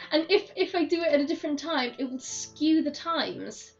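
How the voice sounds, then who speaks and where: A hoarse woman with a fairly high voice rambles happily through a game stream, laughing as she goes. She sits a little back from a dull-sounding mic, with soft game music under her talk. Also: animated, a little slow. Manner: chatty, rambling, laughs often. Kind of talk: casual chat while gaming. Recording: dull, slightly distant mic.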